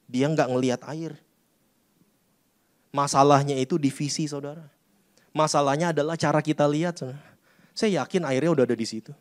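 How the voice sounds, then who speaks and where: A man preaching in church. He talks to the congregation in a relaxed, conversational way and keeps turning to address them directly. His voice sits a little high for a man. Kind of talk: sermon.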